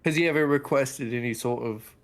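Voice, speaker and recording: A man playing his character in a tabletop game, pressing and impatient as he talks. His voice sits at an ordinary middle pitch for a man. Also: brisk. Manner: impatient, pushy, breaks into laughter. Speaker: player. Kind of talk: in-character tabletop role-play.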